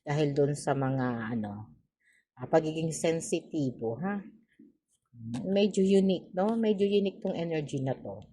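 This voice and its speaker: A woman's voice: sits low, a little slow, warm tone. A woman with a Filipino accent giving a casual tarot reading, chatty, with frequent tag questions and sarcastic asides. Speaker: tarot reader.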